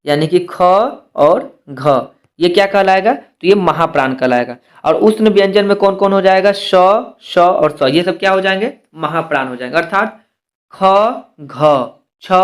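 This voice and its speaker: A man teaching grammar to exam students, his voice sitting noticeably high. He spells letters out slowly, one at a time, and poses rhetorical questions before answering them himself. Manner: explains step by step, slows to spell out letters and asks rhetorical questions. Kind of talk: exam-prep grammar lesson.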